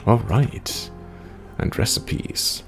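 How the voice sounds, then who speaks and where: Talking extremely slowly, a man plays through a game demo, expressively reading its text out loud and tossing in casual remarks. Faint music plays behind him.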